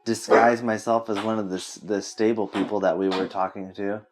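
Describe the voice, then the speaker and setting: A man's voice: fairly low pitch, little pitch movement, moderate pace. A man chatting casually as a player in a tabletop game. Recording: clearly noisy home recording.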